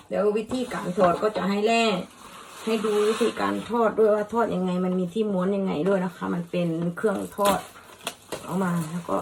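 Gravelly-voiced woman demonstrating a recipe. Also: medium pitch, background noise. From Thailand. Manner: polite, explains step by step, softly repeats herself. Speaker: cooking vlogger. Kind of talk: casual cooking demonstration.

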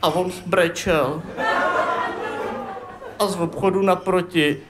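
A man doing a stand-up monologue, telling a story in a dry deadpan way. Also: sits high, a loud crowd. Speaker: stand-up comedian. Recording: live stage, loud laughing audience. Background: loud audience laughter and noise.

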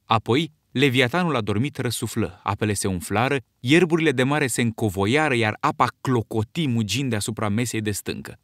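A man reading an audiobook in a measured, steady storytelling voice. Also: medium pitch, no room sound, clean studio sound. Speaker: audiobook narrator. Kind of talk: scripted narration.

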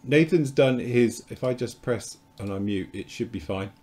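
A man's voice: medium pitch, normal speed, a little mellow. A man hosting a casual live show about model kits, talking in a loose, rambling, chatty way as he explains things. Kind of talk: casual live-stream chat.

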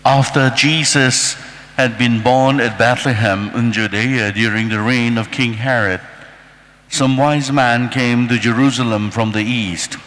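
Priest guy reading the gospel slow and formal, big cathedral echo ringing around him. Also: medium pitch, steady tone, a bit bright. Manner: measured, formal reading aloud. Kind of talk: liturgical gospel reading at Mass. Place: large church. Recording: long echo in a large church.

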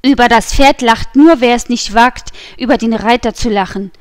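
A woman's voice: fairly high pitch, moderate pace, lightly acted. D'Artagnan, a fiery young swordsman, read by a woman. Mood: angry, defiant. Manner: furious, defiant shouting. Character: young hot-headed male Gascon swordsman.

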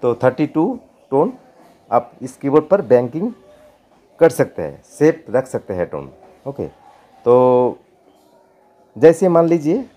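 A man hosting a keyboard tutorial, talking slowly and repeating himself, pleading with viewers. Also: medium pitch, warm tone. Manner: slow, repetitive, pleading.

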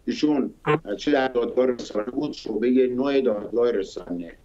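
A journalist guest talks in a halting, earnest way, full of fillers. His voice is mellow and dark at a middle pitch. It comes through a dull, lo-fi line. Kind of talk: broadcast interview.

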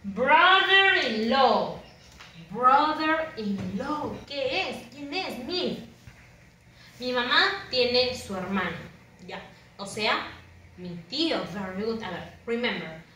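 A woman teacher, her voice bright and fairly high, speaking very slowly as she stretches out each word for children to repeat. She heaps on encouraging praise. The recording is roomy and a little distant, with faint ambience behind her. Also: lively intonation, a little hiss or hum. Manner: slow, drawn-out model words for children to repeat; switches between English and Spanish, encouraging praise. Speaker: primary school English teacher. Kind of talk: bilingual classroom lesson to camera.

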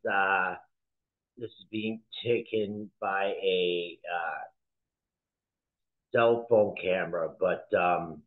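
Male reaction host, slow rambling casual delivery, low voice. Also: narrow, tinny audio. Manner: rambling, thinking aloud.

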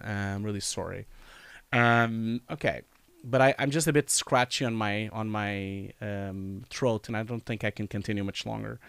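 A man in his forties with a fairly low, clean-toned voice, made nasal and scratchy by a cold, hosts a casual live Q&A from his home study lined with bookshelves. He reads chat questions aloud with many fillers, using a boom-mounted studio mic and headphones, with no echo.

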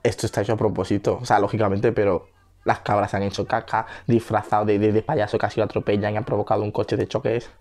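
A man's voice: flat delivery, fast talker, a little mellow. Chatty Spanish-accented man reacting. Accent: Spain Spanish. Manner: chatty, breaks into high-pitched squeals and gasps. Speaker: video reactor. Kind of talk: casual reaction commentary.

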